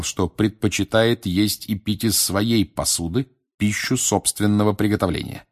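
A man narrating an audiobook in a steady, expressive storytelling manner. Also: fairly low pitch. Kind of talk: audiobook reading.

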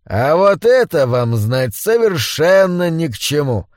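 A man voicing a haughty, bad-tempered old man in a wheelchair, domineering and prone to shouting, in an audiobook. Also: on the high side, sing-song, unhurried, no room sound, clean studio sound. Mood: dismissive. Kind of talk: audiobook character voice.

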